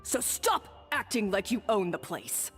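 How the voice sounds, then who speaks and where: An actress playing a defiant young head chef who talks back in a snappy, defensive way. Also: female voice, mid-range voice, big pitch swings, measured pace, a bit bright, in a large hall, faint music behind.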